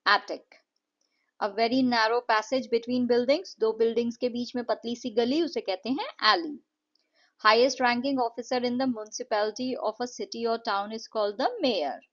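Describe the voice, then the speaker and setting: Woman, Indian accent, English teacher, slightly high voice, dull lo-fi sound. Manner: slow, deliberate English reading, quicker explanations. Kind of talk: explanatory lesson. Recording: dull lo-fi recording.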